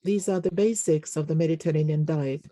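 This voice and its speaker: A conference interpreter gives a simultaneous English rendering of a panel discussion, halting often with fillers and pauses. The voice is mid-range with a dark tone.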